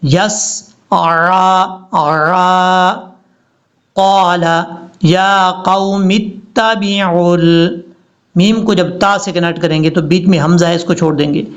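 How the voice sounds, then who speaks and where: A man teaching Quran recitation, chanting words slowly and drawn out between quick, plain explanations. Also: high-pitched, fairly even intonation, muffled recording. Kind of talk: recitation lesson.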